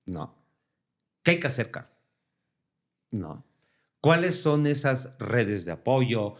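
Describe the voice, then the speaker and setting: A man's voice: mid-range voice, sing-song, slow. A man hosting a podcast, asking long, meandering questions and nodding along with "ujú". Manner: rambling questions with many back-channel "ujú" and "ok". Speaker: podcast host. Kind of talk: interviewing, casual chat.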